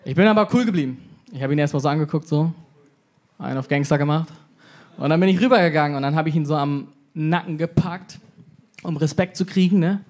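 Brash young German comedian, high voice. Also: male voice, fast talker, a little mellow. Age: 20s. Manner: brash, slangy, acts out quoted voices. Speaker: stand-up comedian. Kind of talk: stand-up comedy set. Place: comedy club stage with live audience.

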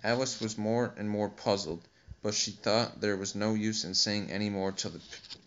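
A man narrating an audiobook in a steady, plain reading voice with occasional slips. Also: fairly low pitch, normal speed. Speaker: audiobook reader. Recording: dull lo-fi recording.

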